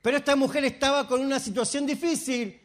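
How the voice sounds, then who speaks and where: A male pastor, preaching a sermon with passion, dropping to soft asides and rising to outbursts. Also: extremely high pitch, steady tone, fairly quick. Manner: impassioned preaching, swinging between soft asides and raised outbursts.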